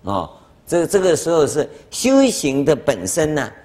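Animated Taiwanese-accented man lecturing. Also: a little high, unhurried. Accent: Taiwanese Mandarin. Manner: animated storytelling, acts out dialogue, chuckles. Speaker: Buddhist master. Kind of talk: dharma lecture. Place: lecture hall.

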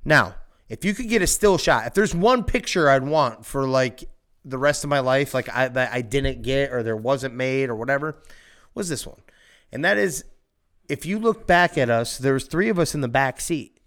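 A man telling a wild story in casual podcast chat, animated and profane, laughing often and shouting when he acts out the scene. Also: mid-range voice, moderate pace. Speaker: storyteller guest.

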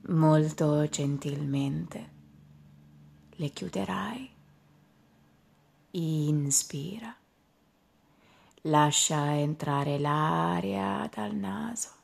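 A woman leading a guided meditation in a slow, soft voice that often drops into a whisper. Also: deep voice, gravelly, husky.

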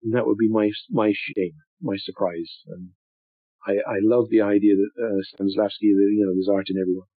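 A man's voice: lowish voice, steady tone, fairly quick, breathy edge, no room sound. Older man, reflective storyteller, hesitant and meandering; phone-like audio. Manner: rambling, thoughtful, many ums and restarts. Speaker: interviewee.

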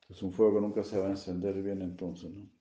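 A man, a swami, giving a sermon-style scripture class, explaining gently with frequent tag questions and chuckling at his own jokes. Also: low-pitched. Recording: echoey room, dull lo-fi sound.

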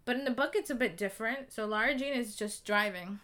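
A woman's voice: fairly high pitch, a little fast, a bit bright. A young woman co-hosting a podcast, retelling book scenes at length in a chatty way, full of "like" and "you know". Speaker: podcast co-host. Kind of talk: casual book discussion.

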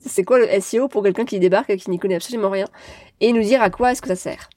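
A woman's voice: medium pitch, quick pace, warm tone. Woman, podcast host, friendly, laughs easily, interview.

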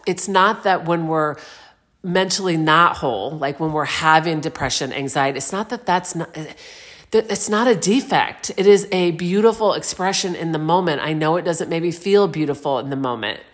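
A woman in her forties speaks in a notably deep, low register. She muses aloud in an earnest, meandering way, often restarting her sentences. Her wording is gentle and spiritual. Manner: soft-spoken spiritual vocabulary. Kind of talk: personal reflective monologue.

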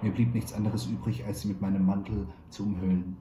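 A man, a stage actor, reading a literary short story aloud in a measured, quietly wry way. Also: on the low side, level tone. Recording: roomy echo, faint background noise.

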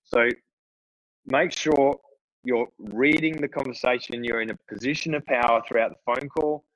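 A business coach with a medium-pitched, fairly bright voice talks tradespeople through phone sales at a normal pace, casual and conversational with many fillers. There's no echo, but the recording is rough.

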